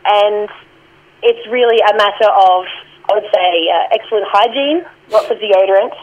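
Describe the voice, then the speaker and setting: A woman's voice: mid-range voice, moderate pace, highs cut off, a little hiss or hum. Chatty woman improviser. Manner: friendly and chatty, laughs easily. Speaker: improv performer guest. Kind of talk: casual interview chat.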